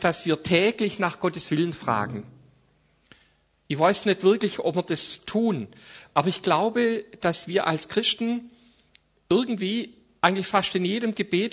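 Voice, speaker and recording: Preacher, lo-fi sound. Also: male voice, on the high side, husky. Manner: conversational, with tag questions and restarts. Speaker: guest preacher. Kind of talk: sermon. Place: church service.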